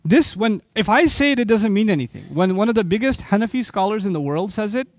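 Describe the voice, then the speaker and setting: A man with a high voice preaching a fervent sermon, turning to the listeners with pointed questions. The sound is dry and close, with no room echo. He is originally from Pakistan. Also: animated, fast talker. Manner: impassioned, asks the audience rhetorical questions. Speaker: Islamic preacher. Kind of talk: sermon lecture to an audience.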